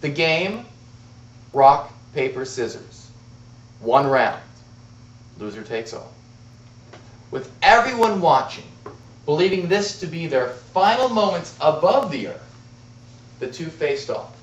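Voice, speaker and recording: Performing a tall tale as an amateur in a speech contest, a man uses dramatic pauses and big, sing-song swings in pitch, delivering it deliberately and theatrically. The recording is muffled, captured from a distance in an echoing room.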